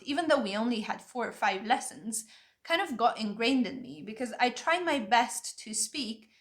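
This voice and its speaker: Her voice is a little high and a bit bright. She's a young language-learning video creator whose first languages are Vietnamese and Hungarian, speaking straight to camera in a talking-head advice video, earnest and opinionated as she lays things out step by step.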